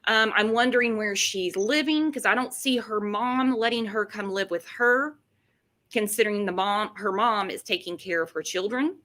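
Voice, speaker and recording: A woman's voice: mid-range voice, normal speed, a bit bright. A woman hosting a casual true-crime commentary chat, with a sarcastic, mocking edge. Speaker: host.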